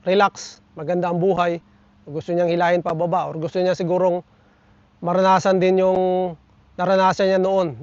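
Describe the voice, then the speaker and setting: A chatty man with a fairly high voice reads viewer comments aloud and talks them over in a casual vlog. He keeps tossing little tag questions at his audience. The sound is dry and a bit dull, like a lo-fi outdoor recording. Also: darkish tone, no echo. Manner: chatty, peppers lines with tag questions, addresses viewers as buddies. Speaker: vlogger reading viewer comments. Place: outdoors in nature.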